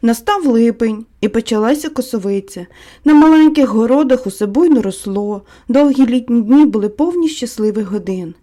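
Woman audiobook narrator, fairly high pitch, mellow tone, calm and measured delivery.

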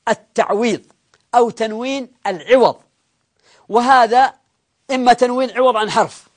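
Guy teaching grammar class, kinda high voice, explains slow step by step, asks the students stuff. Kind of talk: live classroom grammar lesson.

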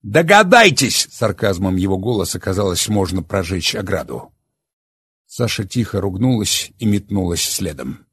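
A man narrating an audiobook in an expressive storytelling voice. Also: sits low, normal speed, husky, no room sound.

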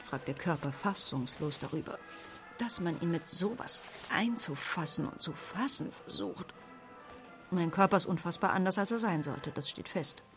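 A woman's voice: lowish voice, natural voice. A woman playing a figure at odds with her own body in a literary radio drama. She rambles wryly and corrects herself as she goes. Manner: wry, rambling, self-correcting.

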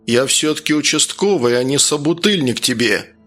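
A man voicing a calm, businesslike village police officer. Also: medium pitch, moderate pace, faint music behind.

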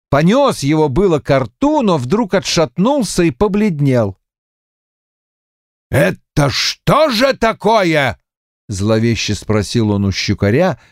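A male audiobook narrator telling a village tale. His pitch rises and falls in wide, lively sweeps. The studio sound is dry and close. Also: dry recording. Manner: expressive, storytelling cadence. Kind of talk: scripted literary narration.

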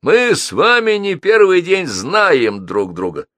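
A man reading aloud and voicing a gruff old aviator who barks commands loudly. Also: high-pitched, huge pitch swings, slow, no room sound, studio quality, pitched above the performer's own voice, heavily acted. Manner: barking, commanding.

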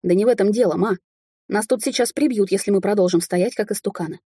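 A woman's voice: medium pitch, fast, dark tone, breathy edge, no room sound, clean studio sound, natural voice. A woman voicing a stubborn young son who insists on fighting, in an impatient tone.

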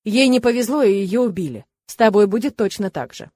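A woman reading an audiobook, voicing a mysterious, quietly mocking man speaking from the darkness. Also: medium pitch, animated, a little fast, dry recording, close to an everyday voice. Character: mocking mysterious male voice from the dark.

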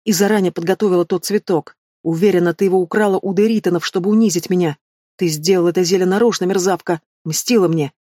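A woman's voice: steady tone, fast talker, dark tone, no echo, studio quality, lightly acted. A woman voicing a spiteful young female student who shrieks insults at her rival. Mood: bitter. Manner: shrill, hissing insults.

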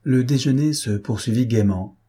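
A man reading a novel aloud in steady, measured narration. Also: mid-range voice, slightly rough. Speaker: audiobook narrator. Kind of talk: scripted narration.

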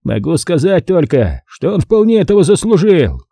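A man voicing a blustering, loud middle-aged male studio boss with a hoarse, bellowing voice, read as an audiobook character. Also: on the high side, big pitch swings, moderate pace, no echo, voice pushed up, heavily acted. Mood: gloating. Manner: shouts and gloats.

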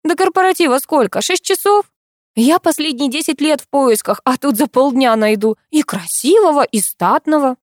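A woman reading an audiobook, voicing a flustered, excitable young office woman who pleads and panics easily. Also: high voice, no room sound, studio quality, voice pushed up. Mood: exasperated. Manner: pleading, impulsive, quick to panic.

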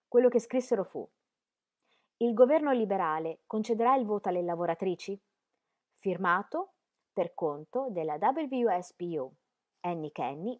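A young woman reads a memoir aloud in a slightly low voice. Her telling is expressive and dramatic. She lifts into near-shouts when the quoted cries come. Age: young adult. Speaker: reader of an autobiography. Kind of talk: expressive audiobook reading.

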